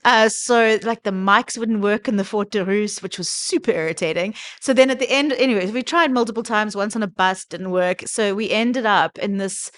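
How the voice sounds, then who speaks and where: A woman's voice: medium pitch, moderate pace, hardly any pauses, fairly bright tone. A woman hosting a podcast, chatting casually and recounting stories in an informal, conversational way. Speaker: podcast host.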